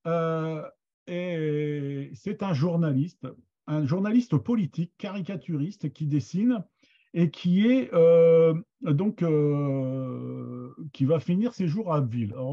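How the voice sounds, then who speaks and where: A man giving an informal lecture on books and their authors, pausing often with fillers and restarts. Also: on the high side, warm tone. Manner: hesitant, many fillers and restarts. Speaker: lecturer on Picard literature. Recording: dull lo-fi sound.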